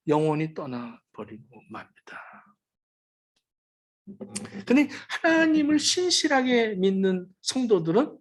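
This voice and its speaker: A man's voice: sits high, breathy edge. A man preaching a sermon as pastor, dramatic, acting out the quoted words of the dying. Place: church sanctuary.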